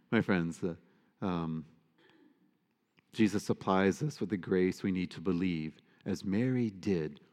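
A man's voice: sits low, darkish tone. A man, a priest, giving a sermon with earnest emphasis and playful asides. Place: church. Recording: long church reverb.

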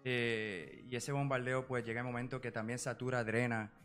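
A Puerto Rican man in his forties, a psychology professional, speaking as a podcast guest in a measured way with many filler pauses. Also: medium pitch, fairly bright tone, faint music behind. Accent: Puerto Rican Spanish. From Puerto Rico. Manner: measured, full of filler "eh" and "¿verdad?" tags. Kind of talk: podcast interview.

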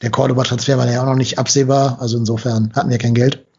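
A man talking quickly and matter-of-factly in a casual football chat. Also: mid-range voice, flat delivery, creaky, darkish tone, slight background noise. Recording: dull lo-fi sound.

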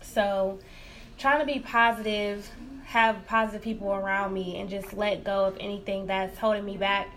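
Confiding, informal woman with a mid-pitched voice. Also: fairly even intonation, normal speed, a bit bright. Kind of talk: casual chat. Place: room in a library.

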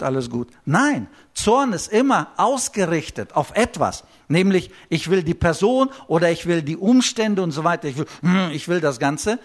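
A man preaching a sermon in a conversational way, often adding quick tag questions and letting his voice sink to a low murmur at the ends of phrases. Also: fairly bright tone.

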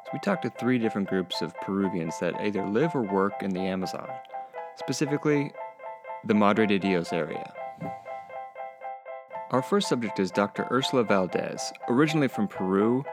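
A man reading a scripted podcast introduction as host, in an earnest, measured delivery. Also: on the low side, lively intonation, over music.

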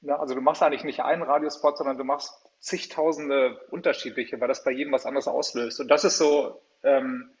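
A man in a casual podcast chat explaining radio advertising in a relaxed way. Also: medium pitch, fairly quick, few pauses, muffled recording. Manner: relaxed, addresses listener as du.

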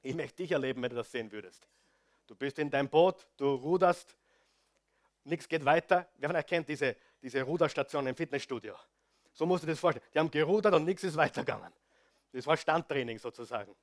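A male preacher with a fairly high voice, reading scripture and then breaking off to speak straight to his congregation. He is animated, dropping to soft asides and then punching key words out loud. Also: fairly quick. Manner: animated, addresses the audience directly; swings between soft asides and loud stresses. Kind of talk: sermon with Bible reading.

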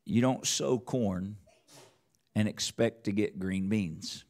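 With a lowish, darkish voice and a slow pace, a man delivers an emphatic sermon as a church elder. He quotes scripture, repeats phrases and poses rhetorical questions.

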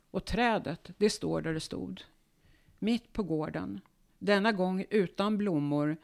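A woman, a guest author, reading her own memoir aloud in a calm, measured way. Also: on the low side.

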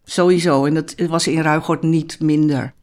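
Speaking at normal speed in a low, darkish voice with fairly even intonation, a former commune member looks back on the past for an interview. She is talkative yet hesitant, full of fillers and false starts.

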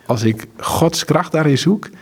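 Husky man telling earnest stories. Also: on the high side, animated, unhurried, darkish tone. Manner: earnest, faith-driven storytelling with many restarts. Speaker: charity director. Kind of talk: conversational interview.

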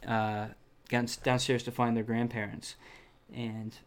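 A man's voice: mid-range voice, flat delivery, measured pace. A man reading a children's horror book aloud, breaking off with laughs and casual asides. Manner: laughing asides, many fillers. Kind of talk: casual read-aloud with commentary.

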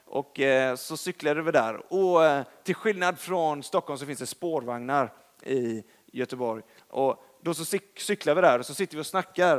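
In his sermon, a young man with a Swedish accent and a voice on the high side spins stories conversationally. He is lively in how he stresses things and often self-deprecating.

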